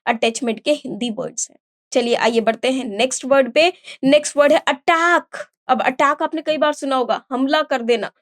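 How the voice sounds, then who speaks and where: High-voiced Indian woman teaching vocabulary. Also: moderate pace, a bit bright. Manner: explains step by step, asks questions and answers them herself. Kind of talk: classroom vocabulary lesson.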